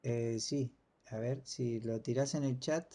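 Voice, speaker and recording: A man's voice: mid-range voice, slow pace. A man teaching a casual online class over a video call, hesitant and full of fillers. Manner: relaxed, hesitant, many fillers.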